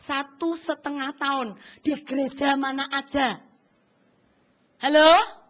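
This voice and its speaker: Bright, animated woman preaching a sermon. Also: sits high, slow pace, highs cut off. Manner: animated, addresses congregation often, acts out voices. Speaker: pastor.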